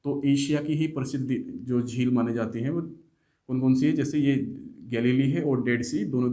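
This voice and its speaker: A man gives a geography lesson in a mellow, warm voice. He explains things step by step, often poses a question to his students and answers it himself, and mixes English terms into his lecture. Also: mid-range voice. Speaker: geography teacher.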